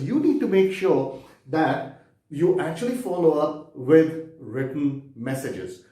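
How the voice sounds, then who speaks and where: A man's voice: a little high, dark tone, echoey room. A man teaching exam preparation in a conversational lecture, often checking in with his listeners. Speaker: exam prep instructor. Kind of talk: explanatory lecture.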